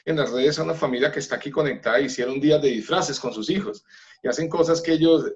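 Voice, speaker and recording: A man's voice: fairly high pitch, fast talker. A man from Colombia, a pastor, speaking earnestly about family in a church workshop talk, with light laughs.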